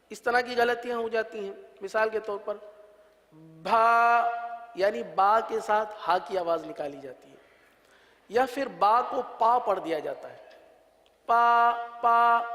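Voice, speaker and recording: A man with a Pakistani Urdu accent teaching how to pronounce Quranic letters, patiently repeating each sound in long drawn-out syllables. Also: high-pitched, fairly bright tone. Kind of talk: religious letter-pronunciation lesson. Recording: long reverb.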